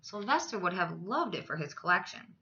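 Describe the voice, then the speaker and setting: A woman's voice: fairly low pitch, sing-song, brisk, sharp tone, dull audio, exaggerated voice. A woman voicing a grieving father donkey who tries to stay hopeful, earnest and tender, in a storybook reading. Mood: amazed.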